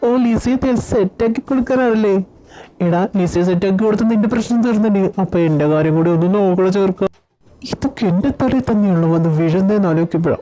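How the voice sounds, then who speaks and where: A woman's voice: medium pitch, quick pace, dark tone, close to an everyday voice, low-quality recording. A woman voicing anxious young men bantering and pleading with friends in a fan audio drama. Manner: pleading, exasperated chatter.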